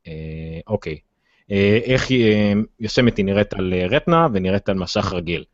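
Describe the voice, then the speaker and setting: A man with an Israeli accent hosting a casual tech discussion, speaking haltingly with many filled pauses. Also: sits low, animated. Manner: hesitant, halting delivery with frequent filled pauses. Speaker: tech podcast host. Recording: dull, roomy, lo-fi sound.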